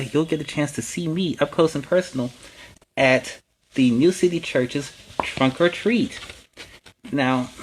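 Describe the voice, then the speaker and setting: An American man with a mid-range voice hosts a story time for young viewers, playing a friendly superhero. He speaks earnestly and instructively in simple phrases, and the recording quality is low.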